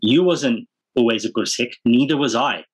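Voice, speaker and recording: A man's voice: medium pitch, moderate pace, slightly rough. A man speaking earnestly and informally as a guest in a casual podcast interview. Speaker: podcast guest, parenting community founder.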